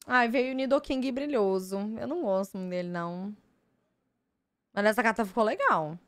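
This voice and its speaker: With a medium-pitched voice and no echo, a young female streamer who has a Brazilian Portuguese accent talks at a moderate pace as she opens cards. She gets excited easily, gushing over the art.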